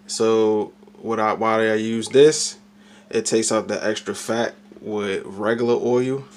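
A young adult American man, he chats casually in a slangy, offhand way while demonstrating cooking for his home vlog in a small indoor kitchen. His lowish voice stays steady and takes things slowly, captured on a clearly noisy amateur camera.

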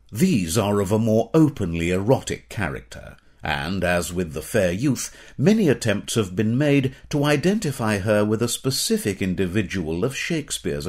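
A middle-aged British man with a lowish voice reads scripted educational narration in a measured, formal, literary way.

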